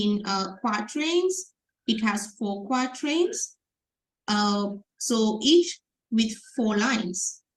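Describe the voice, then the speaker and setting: Woman teaching poetry in an echoey room. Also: a little high. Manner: explanatory, with frequent fillers and restarts. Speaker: literature teacher. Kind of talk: exam revision lecture.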